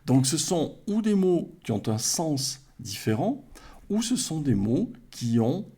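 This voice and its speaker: A man with a French accent explains vocabulary calmly on a livestream, often checking that viewers follow along. His voice is mellow and a little husky, with lively intonation. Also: fairly high pitch, takes it slowly. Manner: calm and explanatory, checks in with "hein" and "d'accord". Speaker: French teacher, co-host.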